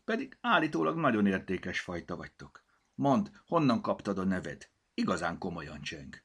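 A man voicing an earnest young male elf in a children's storybook, a gentle searcher of lost things. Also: deep voice, big pitch swings, husky, exaggerated voice. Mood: friendly.

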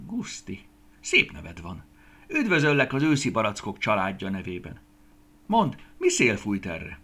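A man's voice: fairly low pitch, wildly swooping pitch, sharp tone, full character voice. A man voicing a fat, motherly peach lady who is chatty and welcoming, in a storybook reading. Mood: friendly. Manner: friendly, chatty, gushing.

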